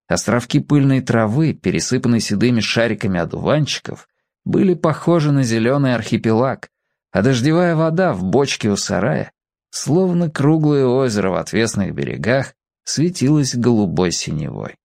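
A man's voice: mid-range voice, lively intonation, moderate pace, vocal fry, darkish tone, dry recording, clean studio sound. A man reading a children's story aloud, expressively giving each character a voice of their own.

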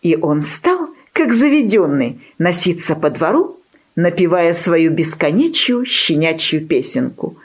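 Lady reading a kids fairy tale, low voice, slow and very lively pitch. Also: slightly rough. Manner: expressive, storytelling. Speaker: narrator.

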